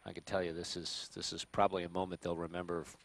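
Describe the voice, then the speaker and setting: A man's voice: sits low, little pitch movement, fast, creaky. A man giving conversational live commentary on a space mission.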